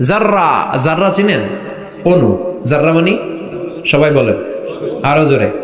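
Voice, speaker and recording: A man preaching to a live crowd, questioning them and having them call answers back, chanting verses and singing slow devotional lines. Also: fairly high pitch, big pitch swings. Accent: Bangladeshi Bengali. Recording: echoey hall, long reverb.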